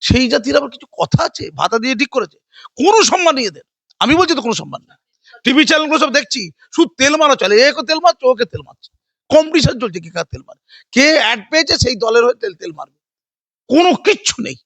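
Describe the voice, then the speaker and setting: A high, quick voice, this older man fires off sarcastic, combative remarks and mocking repetitions. He is an interviewee in a heated political conversation, recorded close and dry. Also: big pitch swings, vocal fry, fairly bright tone, no room sound.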